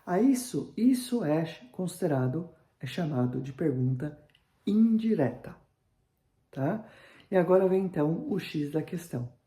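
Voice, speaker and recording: A man teaching a grammar lesson online, checking in constantly with his viewers and slowing right down to spell out example sentences. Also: on the high side, animated, warm tone, echoey room. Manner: checks in with "tá?" after nearly every phrase, slows down for examples. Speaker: German teacher.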